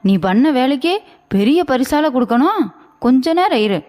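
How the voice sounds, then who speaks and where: A woman voicing a sharp-tongued, fed-up young wife who scolds in an animated cartoon. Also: high-pitched, normal speed, long reverb tail, over loud music. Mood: sarcastic. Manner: scolding, sarcastic.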